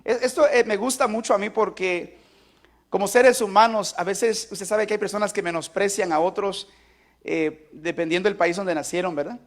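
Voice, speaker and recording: A man's voice: sits high, fairly even intonation, normal speed. A man preaching a sermon as pastor, emphatic, asking the congregation to repeat lines aloud with him. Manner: emphatic call-and-response preaching.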